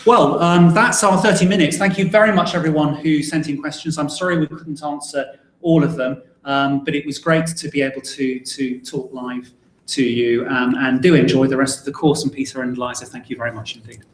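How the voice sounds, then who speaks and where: A man's voice: on the high side, fairly even intonation, brisk. A man hosting a live webinar panel discussion. He often stumbles and repeats words as he starts a thought. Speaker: webinar host. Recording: echoey room, faint noise.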